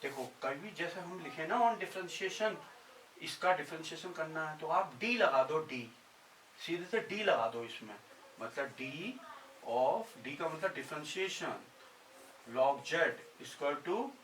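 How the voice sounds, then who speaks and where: A man's voice: a little high, animated, slow, fairly bright tone. A male physics teacher explaining formulas step by step, often repeating himself. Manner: repetitive, drills formulas step by step. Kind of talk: blackboard lesson explanation. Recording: echoey room, distant mic, faint hiss.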